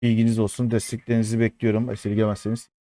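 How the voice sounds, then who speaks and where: A man in his thirties doing live-stream commentary as a mobile game streamer, excitable and chatty with his viewers, swearing often. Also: lowish voice, very fast, dry recording. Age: 30s.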